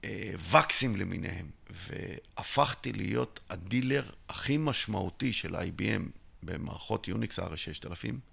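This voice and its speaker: A middle-aged man from Israel, an interviewee telling his business story in an animated way, acting out both sides of each conversation. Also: on the low side, creaky, husky. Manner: tells a story by acting out both sides of a dialogue, sometimes shouting. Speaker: interviewee, entrepreneur. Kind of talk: animated storytelling with acted dialogue.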